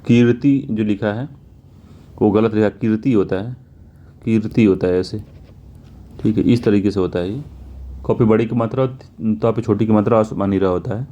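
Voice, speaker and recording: A man's voice: lowish voice, normal speed, pauses often, mellow, lo-fi sound. A male teacher working through exam questions one by one, often repeating answers and checking with "theek hai". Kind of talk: exam answer walkthrough lesson.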